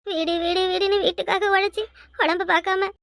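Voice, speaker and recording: Cartoon: woman voicing an elderly mother, Kanyakumari Tamil accent, very high and gravelly, wailing. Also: steady tone, fairly quick, dry recording, clean studio sound. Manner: loud wailing lament. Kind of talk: cartoon voice acting.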